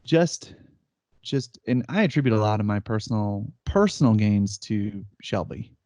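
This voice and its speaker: Male podcast co-host, thirties, warm low-key tone, dry sound, animated storyteller. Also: unhurried, no room sound. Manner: animated storytelling, laughs often, acts out quotes. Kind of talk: casual chat. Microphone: remote call setup.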